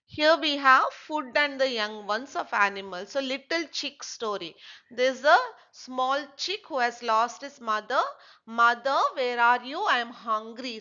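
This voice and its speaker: A woman teacher walks young children through a textbook lesson at a very slow pace. Her voice is bright and fairly high. The recording sounds a little dull. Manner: slow, asks and answers her own questions.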